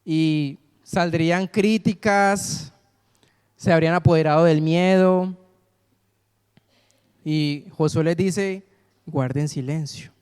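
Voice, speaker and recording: A man's voice: on the high side, fairly even intonation, slow pace, long pauses, darkish tone, smooth. A man preaching a sermon in a church, repeatedly asking the congregation to call out the missing word. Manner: call-and-response, asks congregation to fill in words. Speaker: pastor. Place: church sanctuary. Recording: long reverb of a church hall.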